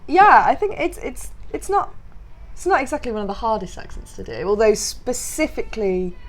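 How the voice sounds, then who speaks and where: A woman's voice: on the high side, very animated, moderate pace. A woman stage actor explaining things in a casual interview.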